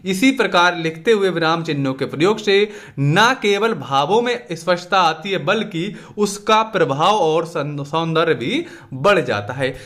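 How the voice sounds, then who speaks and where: A man's voice: high voice, fairly bright tone. A man with a Hindi accent going through exam questions as a tutor, casually asking and answering his own questions. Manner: conversational, repeatedly asks and answers own questions. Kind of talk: exam revision lesson.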